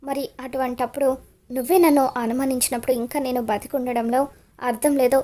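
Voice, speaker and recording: A woman's voice: high-pitched, fairly even intonation, brisk, warm tone, natural voice. A woman voicing a scheming wife who pleads and pretends to cry. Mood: pleading. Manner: pleading, fake tearful.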